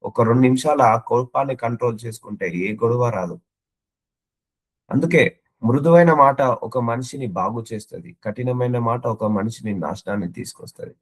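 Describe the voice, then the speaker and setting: A man's voice: medium pitch, normal speed. A man preaching an earnest sermon, stacking repeated phrases into rhythmic lists and reading out scripture verses. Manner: earnest, exhorting.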